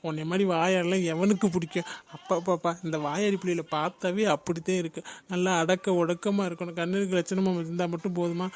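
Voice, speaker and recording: A man's voice: high-pitched, flat delivery, fast, few pauses, a little hiss or hum, close to an everyday voice. A man voicing Santhosh, a playful, mocking young husband in a cartoon, joking at his wife's expense.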